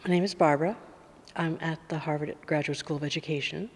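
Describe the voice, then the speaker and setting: Emphatic low-voiced woman educator. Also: steady tone, fast talker, husky. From Massachusetts. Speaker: educator, graduate student. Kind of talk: recorded student testimonial.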